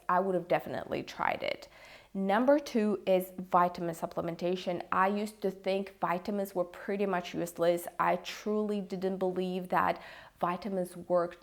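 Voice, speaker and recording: A woman in her thirties giving a personal advice monologue in a reflective, regretful manner, as if talking to viewers. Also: mid-range voice. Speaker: video creator sharing pregnancy advice.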